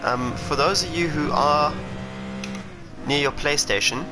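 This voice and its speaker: Music plays in the background as a South African racing driver, his voice a little high and a little slow, chats and thinks aloud on a sim racing stream. Game engine noise and car sounds sit beneath his commentary.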